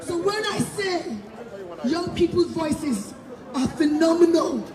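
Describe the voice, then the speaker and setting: A Nigerian-accented woman with a hoarse, worn-out voice, crying out an impassioned protest speech to a crowd. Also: very high voice, animated, slow pace. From Nigeria, Warri. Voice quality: hoarse, strained. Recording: loud crowd, echoey open-air street recording.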